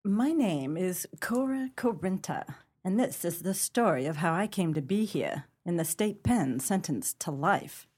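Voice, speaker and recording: A woman plays a tough, proud gang leader from the 1930s in a pulp crime radio play, using brassy, slangy gangster talk. Her husky voice is on the low side, expressive and a little mellow, delivered at a measured pace with a wry, confiding mood.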